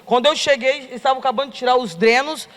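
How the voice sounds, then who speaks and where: A middle-aged Brazilian woman giving a lively testimony to a congregation, acting out the dialogue as she tells the story. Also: sits high, rapid-fire. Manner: animated storytelling, acts out dialogue. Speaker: church member giving testimony. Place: church hall. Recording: long reverb of a church hall.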